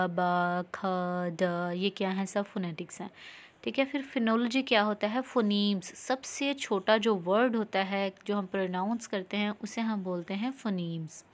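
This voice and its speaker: A woman's voice: medium pitch, steady tone. Pakistani woman teaching exam answers. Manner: reads English slowly, explains in Hindi-Urdu with English terms. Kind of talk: exam-prep lesson explaining answers.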